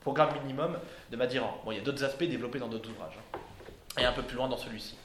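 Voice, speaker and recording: A man's voice: medium pitch, fast talker, a bit bright, a little hiss or hum. A man giving an informal lecture to a live audience indoors, hesitant, with many fillers and restarts. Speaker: speaker giving a talk. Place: indoor room with listeners. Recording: echoey room, faint ambience.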